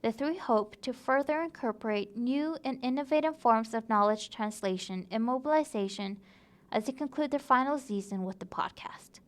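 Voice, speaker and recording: A woman narrating a podcast segment in a crisp, scripted way. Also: on the high side, moderate pace.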